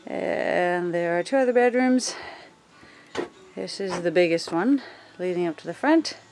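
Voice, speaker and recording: A woman's voice: lowish voice, a little slow, poor audio. Woman narrating a casual house tour. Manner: relaxed, pointing things out room by room. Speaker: homeowner giving a house tour. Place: unfinished house under renovation, indoors. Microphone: handheld camera, filming while walking.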